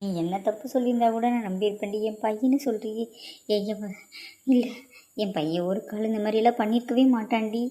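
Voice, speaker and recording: A woman's voice: medium pitch, steady tone, fairly quick, dark tone, lightly acted. A woman voicing a middle-aged aunt in a cartoon drama, who laments and defends her son. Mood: anxious. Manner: distressed, pleading, lamenting.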